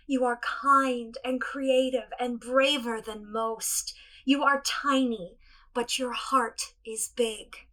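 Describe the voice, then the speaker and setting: A woman playing a gentle princess storyteller, high bright voice, slow soothing delivery, slips into whispers. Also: heavily acted, low-quality recording. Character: gentle, sincere fairy-tale princess storyteller.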